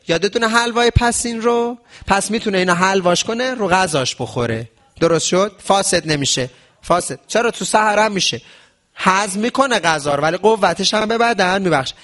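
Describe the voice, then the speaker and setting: A man with a high voice gives a lesson on diet during fasting. He often asks questions as if he were the audience and then answers them himself. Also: fairly bright tone. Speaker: traditional medicine teacher. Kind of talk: religious health lesson.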